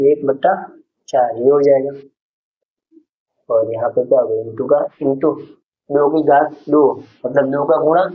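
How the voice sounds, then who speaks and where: The recording is dull and lo-fi, carrying a man's mellow, slightly rough mid-range voice as he patiently explains a school maths lesson step by step. He questions the class along the way, repeating questions to the students.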